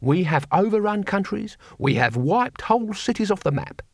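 Man doing a gruff old barbarian, blunt, bouncing pitch, dry recording. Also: expressive, normal speed, no echo. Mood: boastful.

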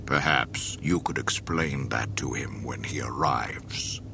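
An actor playing a menacing, cold and commanding dark lord in armor, speaking with a measured, deep menace. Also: male voice, gravelly, exaggerated voice. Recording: film soundtrack with rumbling noise.

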